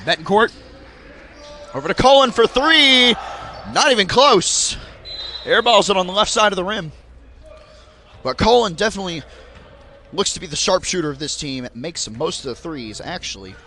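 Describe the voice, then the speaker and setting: A young man calling basketball play by play in a rapid, auctioneer-like patter that rises on big plays. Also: high voice, lively intonation, bright, forceful tone, a little hiss or hum. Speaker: play-by-play commentator.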